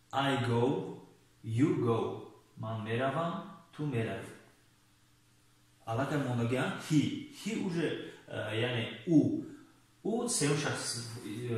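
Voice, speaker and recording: A man teaching English vocabulary, speaking slowly and repeating each example word. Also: medium pitch. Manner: slow, repeats words and spells out English examples. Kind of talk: classroom-style language lesson. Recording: echoey room, far from mic, faint hiss.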